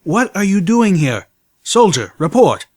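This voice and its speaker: A man voicing a gruff mare leading a squad of armored soldiers, issuing commands. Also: high voice, very animated, moderate pace, no room sound, voice pushed up. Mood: commanding.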